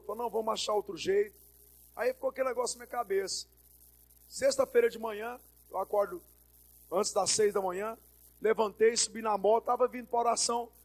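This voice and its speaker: A Brazilian man preaching as a pastor, telling a personal story and exhorting the congregation in a sermon. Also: high voice. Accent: Brazilian Portuguese.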